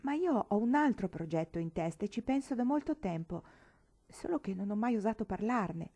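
A woman's voice: medium pitch, expressive, normal speed, mellow, husky, pitched above the performer's own voice. A woman voicing an earnest eighteen-year-old girl who insists on proving herself, in a read-aloud novel. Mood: earnest pleading.

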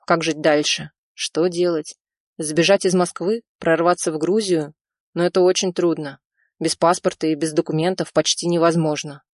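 A woman narrating an audiobook in an even, measured reading. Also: lowish voice, dry recording, clean studio sound. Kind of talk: scripted narration.

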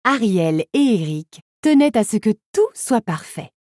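A woman narrates a children's storybook with a very animated, melodic delivery. The recording is dry and close, with no room sound. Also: on the high side, measured pace, no room sound.

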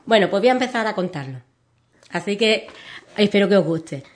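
A woman, reading a children's story aloud as a radio guest, soft-spoken and lively. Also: medium pitch, brisk.

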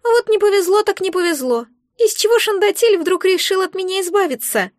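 A woman voicing a cheeky, chatty male magic egg with a squeaky, rude, boastful manner. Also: lively intonation, a little fast, no echo, clean studio sound.

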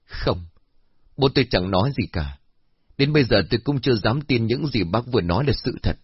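A man's voice: medium pitch, expressive, a little fast, slightly rough, dry recording. A man doing a tearful, pleading young village woman. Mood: stunned. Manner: pleading, tearful, swearing her innocence. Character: distressed young village woman, daughter of the deceased. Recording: dull lo-fi.

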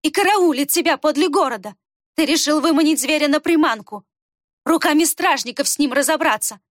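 A woman reading an audiobook voices a sharp-witted male traveller who questions briskly. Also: sits high, no echo, studio quality, pitched above the performer's own voice, lightly acted. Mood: probing.

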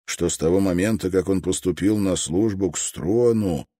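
A male narrator reads a historical novel in a measured, expressive voice. His voice sits low, and the recording is dry and close with no room sound. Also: slightly rough, no room sound. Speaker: audiobook narrator. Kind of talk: scripted narration.

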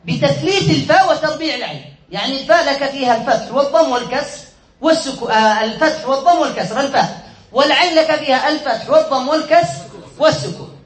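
A man's voice: very high voice, expressive, quick pace, a bit bright, reverberant, poor audio. A man teaching a classroom lesson, quizzing his students, repeating points and correcting himself with a chuckle. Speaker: sheikh teaching Arabic morphology.

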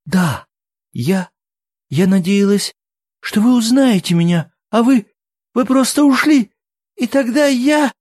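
A desperate older woman cries and pleads in a high, strained voice, as a male audiobook reader puts her on. Her voice swings widely in pitch and sits dry and close to the mic. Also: animated, very slow, long pauses, a little mellow, breathy edge, dry recording, exaggerated voice. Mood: distraught.

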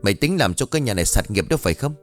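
A man voicing a bossy, spiteful old mother-in-law who shouts and hisses insults at her daughter-in-law. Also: fairly low pitch, sing-song, racing, soft background music. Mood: scolding. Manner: harsh, shouting, hissing insults.

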